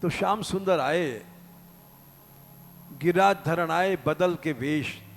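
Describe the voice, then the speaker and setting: A man's voice: on the high side, takes it slowly, slight background noise. An older man, preaching a devotional story earnestly in a temple hall. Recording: live hall reverb, faint ambience.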